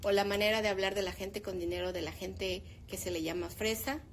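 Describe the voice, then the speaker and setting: A woman's voice: medium pitch, brisk, a little hiss or hum. A woman in her fifties, a teacher, talking about language in a casual discussion and giving her opinions with animation. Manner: opinionated, animated when making a point.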